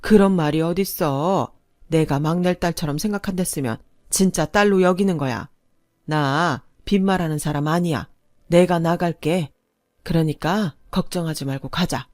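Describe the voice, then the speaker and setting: A woman voicing a wealthy, dignified elderly grandmother who speaks in a crisp, sharp, commanding tone. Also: low-pitched, moderate pace, no echo, studio quality, lightly acted. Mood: indignant caring.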